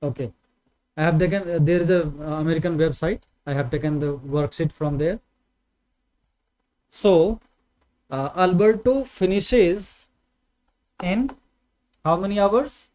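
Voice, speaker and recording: A man's voice: a little high, a little slow, long pauses, warm tone, poor audio. A man with an Indian accent teaching a maths class, explaining patiently, repeating points and checking in with his students. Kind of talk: online maths lesson.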